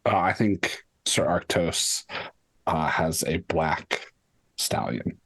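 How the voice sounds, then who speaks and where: A man with a very low voice speaks as a player in a tabletop role-playing game. The sound is dry and close. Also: animated, slow, gravelly, a bit bright, breathy edge, dry recording, rough recording. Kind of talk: tabletop role-play conversation.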